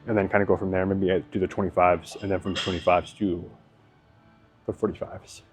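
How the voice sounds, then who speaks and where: Male fitness vlogger, low voice, loose unscripted talk over soft background music. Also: level tone, fairly quick. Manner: rambling, thinks aloud, hedges and swears casually. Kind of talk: casual workout commentary.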